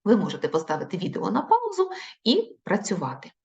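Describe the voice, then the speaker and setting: A woman teaching young children in a recorded video lesson, speaking slowly in an encouraging, sing-song way. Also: medium pitch, huge pitch swings, creaky. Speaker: primary school teacher. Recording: dull lo-fi recording.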